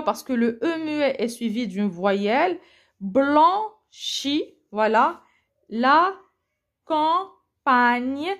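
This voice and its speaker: Slow, hesitant woman teaching French. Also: high-pitched. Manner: slow, hesitant, many fillers and self-corrections. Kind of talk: exam correction lesson. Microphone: phone. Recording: phone recording, voice slightly off-mic at times.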